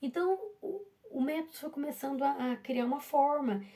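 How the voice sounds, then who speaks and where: A woman's voice: high voice, normal speed, dark tone. A woman who teaches primary school, telling her classroom story in a chatty, casual way full of restarts and asides to her listeners.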